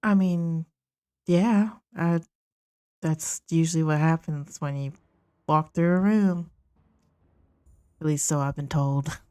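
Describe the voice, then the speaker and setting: A coy, flirtatious woman under questioning, acted out by a woman game master, dodging with playful evasions. Her voice sits low and is captured close and dry, as in a tabletop game session. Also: slow pace, pauses often, warm tone, clean tone, no echo. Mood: breezy, coy.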